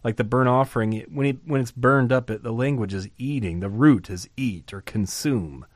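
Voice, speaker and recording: A man teaching through a Bible chapter in a lively, conversational way, asking rhetorical questions and chuckling now and then. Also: medium pitch, moderate pace, no room sound, clean studio sound.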